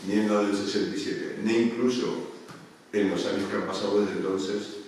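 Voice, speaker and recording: An Argentine man with a lowish, darkish voice gives a hesitant panel talk at a union meeting, full of fillers and restarts, at a moderate pace and steady tone. He's recorded far from the mic in an echoey meeting room at the union headquarters, with slight background noise.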